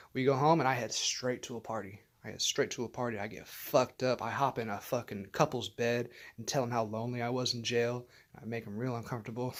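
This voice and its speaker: A man's voice: medium pitch, fairly bright tone. A man vlogging as he tells a personal story in a casual, rambling way, swearing often and restarting his sentences with many fillers.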